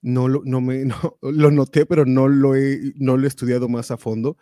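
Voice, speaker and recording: A man hosting a live talk show, reading out viewer comments with animated, exclamatory reactions. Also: mid-range voice, moderate pace, dry recording, clean studio sound. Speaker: show host.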